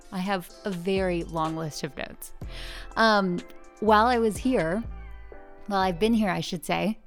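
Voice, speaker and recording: Chatty podcast lady recording in a giant echoey room, bouncy jokey delivery. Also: medium pitch. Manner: chatty and bubbly, jokey asides. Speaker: podcast host. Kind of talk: casual podcast chat. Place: huge high-ceilinged echoey room, alone. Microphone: portable travel microphone.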